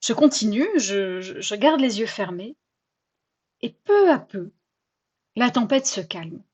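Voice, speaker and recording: A woman hosting a personal podcast, telling her own story in a chatty, self-mocking and expressive way. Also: medium pitch, slow pace, breathy edge. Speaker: podcast host.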